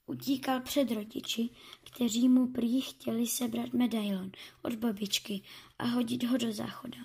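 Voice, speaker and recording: A woman voicing a gentle, kind female fish in a storybook reading, speaking in a soft, half-whispered way. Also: on the high side, steady tone, vocal fry, breathy edge, full character voice. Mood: solemn.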